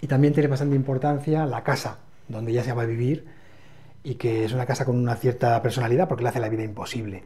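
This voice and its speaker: Mellow-voiced Spanish book reviewer. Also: male voice, mid-range voice, fairly even intonation. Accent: Spain Spanish. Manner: measured, explanatory summarizing. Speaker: book channel co-host.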